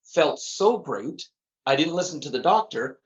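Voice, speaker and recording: In a muffled recording, a middle-aged man chats earnestly as a guest in a casual podcast interview, unhurried, with a high-leaning voice and big pitch swings. He often repeats words and laughs at himself.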